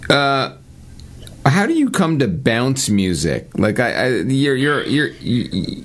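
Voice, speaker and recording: A man's voice: medium pitch, very animated, takes it slowly, fairly bright tone. A man hosting a casual interview, asking questions with stammering restarts and casual swearing. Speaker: podcast host.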